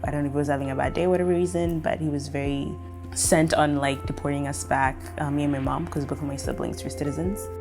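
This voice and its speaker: A woman's voice: sits low, fairly even intonation, quick pace, music in the background. A young woman from Kenya, telling her story in a documentary interview, reflective and full of fillers. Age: young adult.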